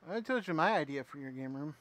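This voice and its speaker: A man streaming himself playing a retro game, chatting with viewers and reacting out loud as he plays. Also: a little high, animated, fast. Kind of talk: casual live gameplay commentary.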